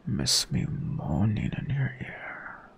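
A man's voice: fairly low pitch, big pitch swings, slow, creaky, fairly bright tone, husky, muffled recording, full character voice. A man playing an aroused boyfriend in an intimate whispered role-play, breathing his words right into the listener's ear. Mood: aroused, tender.

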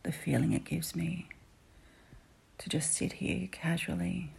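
A woman's voice: fairly low pitch, measured pace, vocal fry, a little mellow, slightly rough. A woman whispering an intimate adult roleplay close to the listener's ear, ASMR style. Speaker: audio roleplay performer.

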